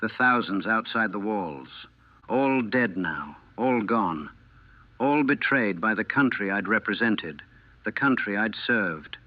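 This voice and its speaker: A man delivers scripted first-person narration as a war veteran, somber and deliberate, in short clipped phrases that build through repetition. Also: lowish voice, no echo, narrow, tinny audio.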